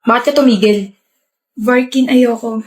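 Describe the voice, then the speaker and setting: A woman's voice: on the high side, fairly even intonation, a little slow. A young woman playing a girlfriend in a skit, speaking hesitantly and pleadingly. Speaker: skit performer. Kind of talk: skit role-play.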